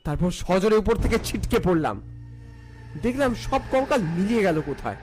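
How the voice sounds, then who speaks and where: A man's voice: sits high, sing-song, normal speed, darkish tone, slight background noise. A man narrating a scripted first-person ghost story in a theatrical, suspenseful way.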